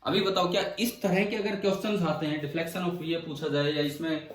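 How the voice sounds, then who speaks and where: A man's voice: on the high side, fairly even intonation, moderate pace. A male physics teacher lecturing a class, explaining step by step and firing questions at his students. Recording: echoey room, from far off.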